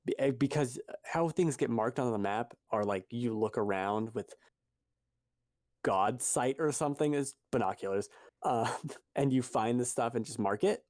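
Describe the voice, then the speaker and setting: A man's voice: mid-range voice, moderate pace, a little mellow, dry recording, studio quality. Rambling man chatting on a podcast. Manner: rambling, self-correcting, chuckles at himself. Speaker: podcast co-host. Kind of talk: casual chat.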